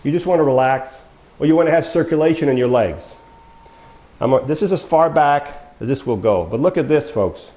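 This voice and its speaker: Showing off a power wheelchair, an older mobility dealer speaks folksy and step by step to viewers he calls folks, his voice going hoarse with coughs. He sounds a little high, warm and brisk with lively intonation. The large, bare indoor showroom studio echoes.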